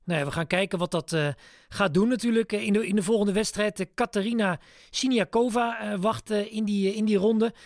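A man presenting a sports broadcast, asking an expert questions in a halting way with many hesitation fillers. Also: high-pitched, no echo, clean studio sound. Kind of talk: interviewing an expert.

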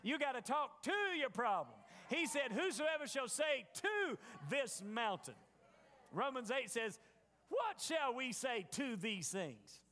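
A preacher with a very high voice, telling the story in a folksy, conversational way. He drops his voice to mimic doubters, then rises again into the preaching. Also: very animated, slow, pushed and bright, big-room sound, a little hiss or hum. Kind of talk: sermon.

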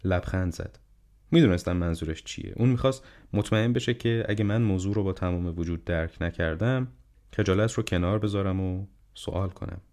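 A man narrating an audiobook in a measured, quiet storytelling manner. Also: low voice.

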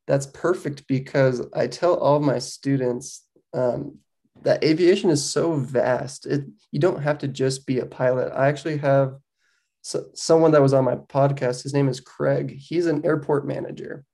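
A man hosting a podcast interview, relaxed and conversational with frequent ums. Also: mid-range voice, moderate pace, vocal fry. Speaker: podcast host. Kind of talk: casual interview.

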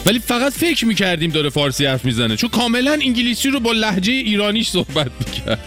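High-pitched sarcastic man hosting satire. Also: very animated, fairly bright tone, soft background music. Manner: colloquial, sarcastic. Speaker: host. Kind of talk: mocking satirical commentary.

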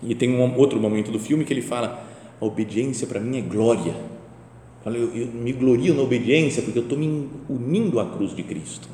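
Male preacher, lively storyteller, warm low tone, roomy hall echo, faint background ambience. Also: brisk, a little hiss or hum. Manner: animated storytelling, acts out quoted voices. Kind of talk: spoken meditation.

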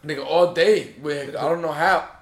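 A man's voice: fairly high pitch, fairly even intonation, fairly quick, reverberant. A man co-hosting a casual chat, bantering loosely with plenty of swearing while he has the hiccups. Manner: profane, laid-back banter. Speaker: podcast co-host.

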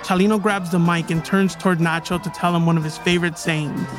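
A man's voice: high-pitched, steady tone, a little fast. A man hosting a podcast, telling a true story in scripted documentary narration. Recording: music bed behind the voice.

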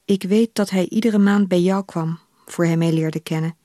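A woman reading aloud, voicing an older, worldly woman who speaks in a calm, matter-of-fact way, recorded on a close studio microphone. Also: fairly low pitch, normal speed, no room sound, lightly acted. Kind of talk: literary reading.

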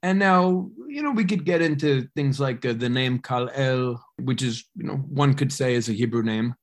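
A man's voice: medium pitch, moderate pace. A man hosting a podcast interview, asking questions in a conversational way with hesitant restarts.

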